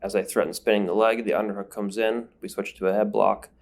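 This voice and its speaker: This grappling instructor's voice-over, recorded separately, walks through each step in an explanatory way. His voice is fairly low and darkish with vocal fry, his tone stays level, and he talks fast while sniffling from a numbed nose.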